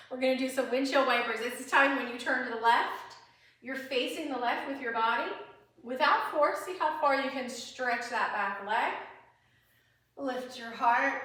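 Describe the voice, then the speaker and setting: Guiding a chair yoga session, a woman talks students through each movement with breath cues, chatty and encouraging, with little laughs. Her high voice comes across pushed and bright, and the room echoes around a far-off mic.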